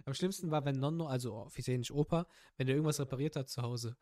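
A man's voice: mid-range voice, quick pace. A man hosting a podcast, telling stories animatedly in casual chat. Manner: animated storytelling. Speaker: podcast host.

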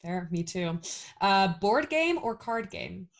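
Woman, interviewer, medium pitch, upbeat, quick questions. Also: sing-song, gravelly. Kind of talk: casual interview.

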